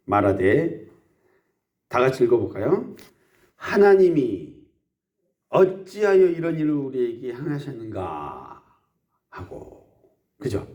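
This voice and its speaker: A man preaching a live early-morning sermon in a small rural church, often putting questions to the congregation. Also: medium pitch. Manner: animated, asks the congregation questions. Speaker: pastor.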